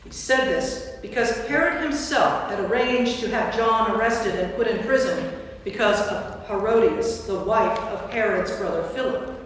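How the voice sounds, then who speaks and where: Speaking unhurriedly in a mid-range voice, a woman acts as narrator and priest, giving a dramatic scripted reading of scripture on stage. It was recorded at a distance inside a large, reverberant church, with a little background noise.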